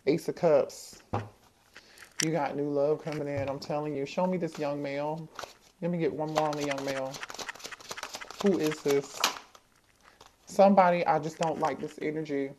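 A woman's voice: low-pitched, fairly even intonation, moderate pace, long pauses, background noise. A woman doing a casual tarot reading for viewers, thinking aloud, asking the cards questions and repeating herself as she goes. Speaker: tarot reader.

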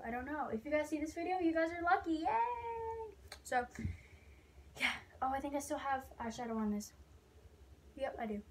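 A young woman with an American accent and a slightly high voice chats casually to viewers in her vlog, with slight background noise. She records on a phone or device held at arm's length in her bedroom, kitchen, car and outdoors at night.

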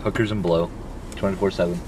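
A man's voice: deep voice, fairly even intonation, fast talker. Joking man in a noisy car. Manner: joking, teasing. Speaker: vlogger. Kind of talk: casual chat. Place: inside a parked car. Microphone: dashboard camera.

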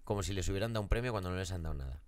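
A man, a comedian co-hosting a podcast, rambling in dry humor and trailing off quietly. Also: sits low, lively intonation, racing. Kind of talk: casual comedic chat.

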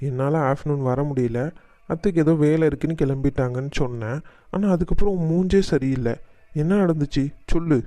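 A man's voice: on the high side, warm tone, no room sound, natural voice. A man voicing a protective young husband in a cartoon, insistent and questioning. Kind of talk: cartoon voice acting.

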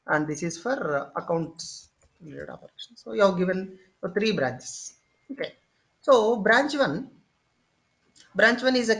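Tech trainer voice for a screen-share lecture: mid-pitched, unhurried, step-by-step, leans on "okay" between points. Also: fairly bright tone. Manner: explains step by step, often pausing with "okay" and "say"; repeats and restarts phrases while thinking. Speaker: instructor.

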